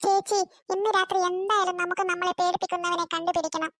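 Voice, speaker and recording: A woman voicing a timid young boy in a cartoon, the younger brother, with a high squeaky child voice and a whiny, easily scared manner. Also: level tone, fast talker, fairly bright tone, no echo. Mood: pleading. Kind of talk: cartoon voice acting.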